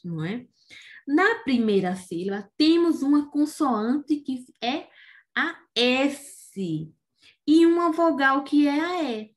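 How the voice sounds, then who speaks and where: A Brazilian woman teaching young children about syllables, slow and patient, often checking in with "né?" and "não é?". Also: high voice, darkish tone. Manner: slow and patient, asks "né?" and "não é?" after most points; says words slowly, syllable by syllable. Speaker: primary school teacher. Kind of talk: remote reading lesson for young children.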